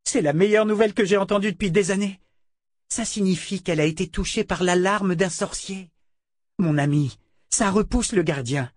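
A man reading an audiobook, voicing an excitable young male scholar who talks in eager bursts. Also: mid-range voice, normal speed, dry recording, studio quality, natural voice. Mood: elated. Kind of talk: audiobook character voice.

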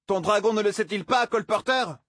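A man voicing a cranky, indignant old male roofer who scolds and shouts, in an audiobook. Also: high voice, moderate pace, no room sound, clean studio sound, pitched above the performer's own voice. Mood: furious. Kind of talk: audiobook character voice.

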